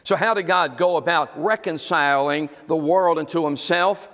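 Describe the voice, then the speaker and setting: A male pastor teaches in a sermon, explaining a word slowly, repeating it, checking his congregation follows and asking them to say it back. His voice sits a little high with a fairly bright tone and a long hall reverb.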